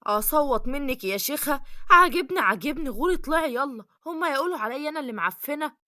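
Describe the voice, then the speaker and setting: A woman's voice: sits high, fast talker, no echo, studio quality. A woman voicing a bossy, scolding middle-aged mother with an Egyptian accent, in a cartoon story. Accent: Egyptian Arabic. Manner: scolding, loud outbursts.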